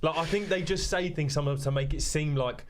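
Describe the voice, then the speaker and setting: A man's voice: a little high, fairly quick, noisy background. A young man in casual football chat, blunt and joking with swearing.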